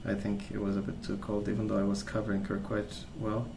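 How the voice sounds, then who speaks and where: Here a man who makes ASMR videos talks on the low side, his delivery soft, calm and unhurried as he rambles through a relaxed story. The sound is roomy and carries clear background noise.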